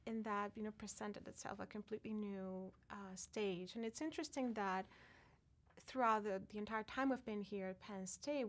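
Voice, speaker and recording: Woman professor, thoughtful. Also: mid-range voice. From Venezuela. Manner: thoughtful, many fillers like "you know". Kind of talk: conversational interview.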